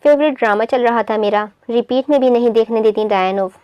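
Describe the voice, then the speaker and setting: A woman voicing a sharp-tongued young woman about to be married, teasing and whiny. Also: on the high side, fairly quick, clean tone, no echo, muffled recording, close to an everyday voice. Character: cheeky young bride-to-be, teasing and dramatic.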